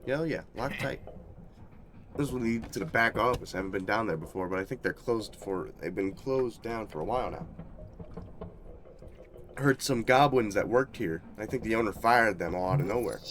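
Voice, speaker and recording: A man's voice: lowish voice, moderate pace, slight background noise. A man reading aloud and reacting as he plays through a game on a live stream. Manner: animated, reacting loudly and reading text aloud.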